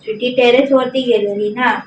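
A woman's voice: on the high side, fairly even intonation, normal speed, slight background noise. A young woman talking casually to her pet dogs at home, coaxing and fondly scolding them with short repeated commands. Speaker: pet vlogger. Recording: roomy echo, mic at a distance.

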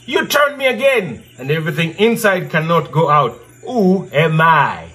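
Animated, high-voiced male storyteller. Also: very noisy. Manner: theatrical, repeats questions, drawn-out emphasis. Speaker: storyteller and channel host. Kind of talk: interactive storytelling, posing riddles to children. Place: indoor room with brick wall backdrop.

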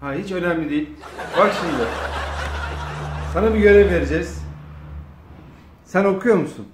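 A high-pitched man speaking at normal speed hosts a family comedy skit from off camera, giving bossy prompts amid casual improvised banter. The sound is roomy and echoey, with faint noise.

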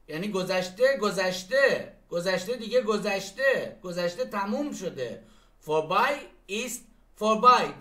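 A man teaching German phrases, who explains each one and repeats the German sentences slowly. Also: high-pitched, bright, forceful tone, echoey room. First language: Persian. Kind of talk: language lesson.

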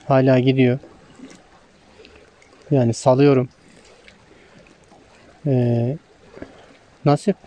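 A man narrating his fishing trip outdoors on a stream bank in a calm, casual way, giving tips to viewers while filming first-person. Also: mid-range voice. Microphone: handheld camera filming first-person.

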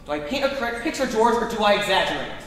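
Echoey high-pitched crafty old tycoon played by a man. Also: very animated, fast talker, fairly bright tone. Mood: smug persuasion. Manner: smug, cajoling, theatrical. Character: crafty, domineering rich old male businessman. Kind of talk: live radio play acting. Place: on stage in a school auditorium. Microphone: stage mic, recorded from far camera. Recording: distant, echoey auditorium hall, faint noise.

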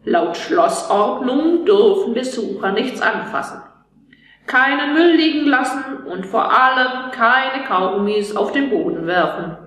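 A woman's voice: on the high side, animated, unhurried, a bit bright. A woman voicing a stern, stately old castle lord who gives formal instructions, with a roomy echo on the recording. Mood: formal warning. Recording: echoey room.

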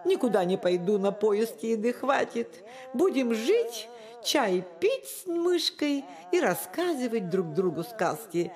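A woman's voice: very animated, measured pace, darkish tone, big-room sound. A woman voicing a whiny, hot-tempered fox. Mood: whining. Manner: wailing, sing-song and shrill when upset. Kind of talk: storybook character voice.

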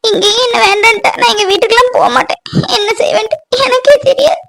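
Woman voicing a sobbing young bride, high and creaky. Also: expressive, moderate pace, a bit bright, full character voice, poor audio. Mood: sobbing, pleading. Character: tearful young newlywed girl, fearful and pleading. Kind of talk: family drama cartoon voice acting.

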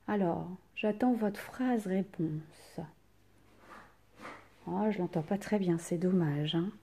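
Woman teacher, recorded lesson for young kids. Slow, mellow, with exaggerated intonation. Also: on the low side, husky. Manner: asks pupils questions and leaves pauses for answers. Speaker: primary school teacher.

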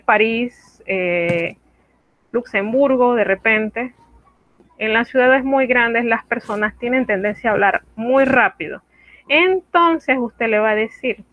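Slow, deliberate woman teacher, tinny sound. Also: on the high side, no echo. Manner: slow, careful drilling of phrases with repetition. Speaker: French teacher. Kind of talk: online language lesson. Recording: dry, phone-like narrow sound.

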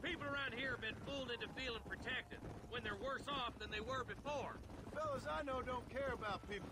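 A man's voice: extremely high pitch, fairly quick. An American man playing an embittered, folksy Wild West rider grumbling in video game dialogue. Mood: bitter grumbling. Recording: loud wind and riding noise.

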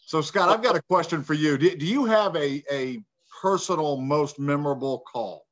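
A man's voice: on the high side, normal speed, a bit bright, highs cut off. A man, a radio broadcast partner, chatting casually on a video call and stammering a little as he talks. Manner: stammering, laughs easily.

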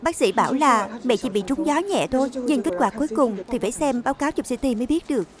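A woman voicing a calm and caring young wife in an even, plain dubbed reading. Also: high-pitched, fast talker, a crowd in the background. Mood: reassuring.

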